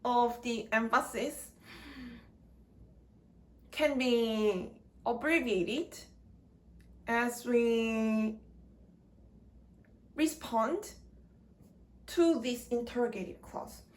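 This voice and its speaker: A woman teaching English grammar in a slow lecture, speaking in short, deliberate chunks. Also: on the high side.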